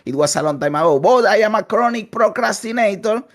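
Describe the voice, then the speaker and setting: A man's voice: high voice, animated, brisk. A man from Venezuela with a Venezuelan Spanish accent, a native Spanish speaker, answering interview questions at length in a candid way, with frequent "eh" fillers. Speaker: podcast guest, content creator. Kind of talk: casual interview storytelling. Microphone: voice call over Discord.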